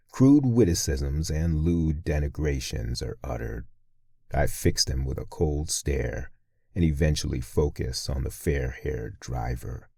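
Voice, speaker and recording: Very deep, gravelly male horror narrator. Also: dark tone, no echo, clean studio sound. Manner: brooding, menacing. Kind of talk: first-person horror story narration.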